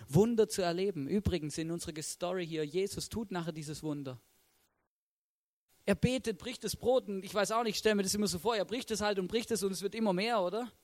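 A man's voice: high voice, darkish tone. A man preaching a sermon to a church, talking animatedly and peppering his sentences with "hey" and "oder?". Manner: acts out characters' reactions in a raised voice.

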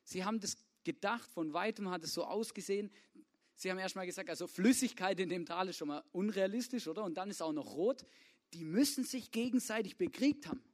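Casual preacher, high voice. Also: male voice, a little fast. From Swabia, Germany. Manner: casual, informal, keeps asking "oder?". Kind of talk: youth sermon.

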